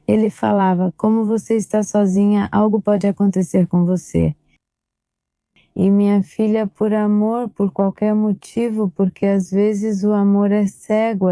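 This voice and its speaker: A woman's voice: medium pitch, warm tone, no echo, studio quality. A middle-aged woman, a grieving mother, giving personal testimony and recounting past events while quoting past conversations. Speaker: mother of a victim.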